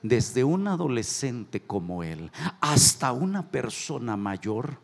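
A Mexican pastor preaching a sermon, animated and joking, urging the congregation to repeat phrases after him. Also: male voice, medium pitch, takes it slowly, gravelly. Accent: Mexican Spanish. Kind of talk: sermon with jokes and call-and-response.

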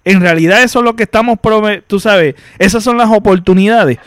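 Emphatic high-voiced man, dry sound. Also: fairly quick, a bit bright, clean tone, no echo. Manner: emphatic, repeats phrases. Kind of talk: casual chat.

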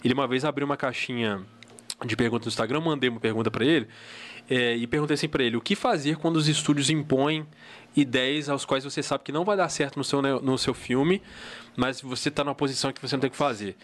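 A man hosting a podcast, chatting casually and retelling anecdotes with energy. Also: mid-range voice. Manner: fast, animated retelling of anecdotes. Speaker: podcast host.

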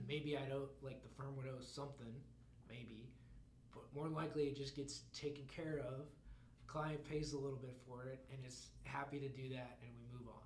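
A man's voice: mid-range voice, level tone, normal speed, a little hiss or hum. Rambling man in an echoey room. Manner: rambling, lots of fillers and laughs. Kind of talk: casual chat. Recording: roomy echo, faint ambience.

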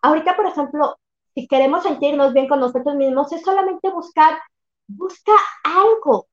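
A high-pitched woman talks reflectively and with emphasis, often affirming what she hears. Her voice carries a roomy echo, and the recording sounds somewhat dull and lo-fi. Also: moderate pace. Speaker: workshop facilitator and coach. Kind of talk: casual conversation.

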